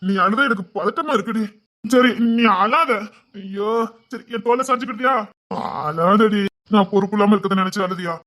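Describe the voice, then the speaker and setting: An actor playing a jobless husband in a family drama, speaking Tamil with a Tirunelveli accent in an anxious, pleading way, at times slowed down by tears. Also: male voice, high voice, pushed and bright. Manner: anxious, pleading, cries and slows when upset. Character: jobless husband, guilt-ridden and tender. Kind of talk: web series family drama.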